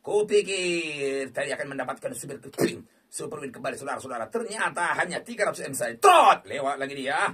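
A loud, excitable man calls the game as he plays. His voice sits high and swings wildly up and down, with a husky edge. He sounds a little away from the mic. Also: fairly quick. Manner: rowdy, shouting, crude teasing banter. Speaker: slot game streamer. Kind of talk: excited gaming commentary. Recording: voice distant from the mic.

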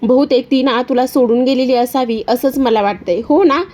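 A woman's voice: sits high, normal speed, a little mellow. A woman voicing a scheming young female villain who mocks and needles, in a retold story. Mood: taunting. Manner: mocking, needling.

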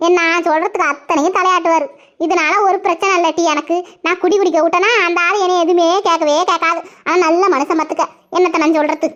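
Brief: woman playing a cartoon wife, lamenting in a sing-song wail, shrill and high, dull lo-fi sound. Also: steady tone, fast, a bit bright. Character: nagged married village woman wailing about in-laws. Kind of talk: cartoon voice acting. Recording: muffled lo-fi recording.

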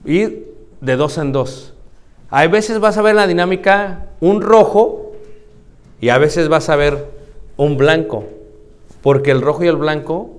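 A young man preaching, lively, acting out church members in little voices. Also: fairly high pitch, unhurried, long pauses, clean tone. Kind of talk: lively sermon to young people. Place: church hall.

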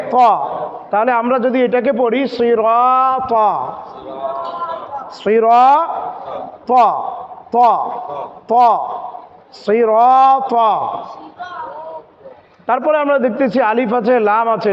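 A man teaching Quran reading step by step, drilling letters and syllables and answering his own questions. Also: very high-pitched. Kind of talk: step-by-step recitation lesson. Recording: dull reverberant hall sound, faint noise.

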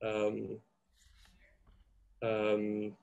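Thoughtful guy on a video call from home, pretty flat voice, stops and restarts a lot. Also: fairly low pitch, extremely slow, creaky, highs cut off. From Indonesia. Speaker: panel speaker. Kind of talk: reflective conversation. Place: home room with bookshelves.

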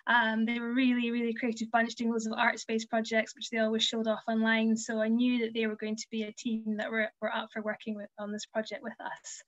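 The speaker is a young woman working as a museum community learning officer, giving an earnest, explanatory conference talk over slides with lots of ums. Her slightly high, somewhat bright voice sounds a little worn because she's losing it. It's captured on a video call webcam in dull, lo-fi audio.

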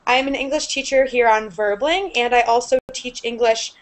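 A woman's voice: on the high side, moderate pace. Upbeat woman teacher on a video call. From United States. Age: young adult. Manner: upbeat, clear teacherly explaining. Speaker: online English teacher. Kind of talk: live online class. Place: small room indoors. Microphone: earbud headset on a video call.

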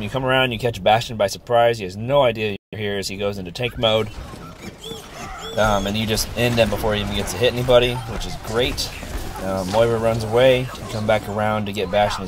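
A man with a fairly low voice talks through a friend's match in an easygoing, encouraging way. He is sick, and his voice sounds worn, with lots of ums as he goes. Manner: easygoing, upbeat, many ums. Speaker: gameplay reviewer. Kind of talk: casual gameplay commentary.

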